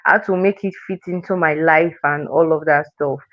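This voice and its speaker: A woman's voice: low voice, fairly even intonation, moderate pace, no room sound, dull audio. A woman from Nigeria's Delta region, a chatty interview guest who restarts her phrases and laughs often. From Delta State, Nigeria. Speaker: guest, sales closer. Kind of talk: casual interview chat.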